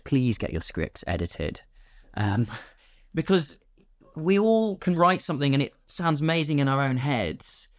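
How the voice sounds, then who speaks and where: Recorded cleanly in a studio without any room sound, a medium-pitched British man appears as a podcast guest. He's an actor and filmmaker, talking in a relaxed, chatty way and being self-deprecating about himself.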